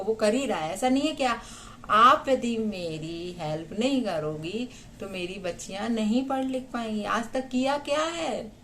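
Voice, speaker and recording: A woman's voice: mid-range voice, fairly bright tone, a little hiss or hum. Indignant Indian woman vlogger. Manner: indignant, emphatic, with many rhetorical tag questions. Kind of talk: personal vlog monologue.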